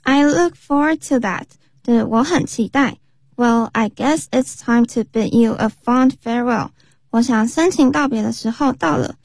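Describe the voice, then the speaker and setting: A woman with a fairly high, gravelly voice reads dialogue lines for a radio lesson. She gives each English line and then its translation. The sound is dry and close. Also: moderate pace, darkish tone, no echo. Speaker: co-host reading dialogue lines.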